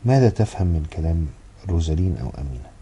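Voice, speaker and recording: Brief: sad confiding sister, read by a man, deep dark quick voice. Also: big pitch swings, slight background noise. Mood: sorrowful. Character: sorrowful sister confiding family troubles.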